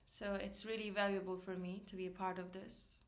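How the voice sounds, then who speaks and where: A woman filmmaker records an earnest personal message, speaking deliberately. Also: medium pitch, flat delivery.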